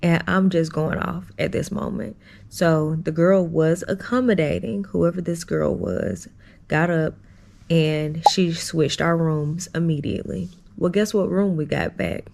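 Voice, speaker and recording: A woman's voice: low voice, fairly even intonation, unhurried, gravelly, a little mellow. A woman vlogger telling a story casually and with animation, exasperated and slangy, talking straight to her viewers.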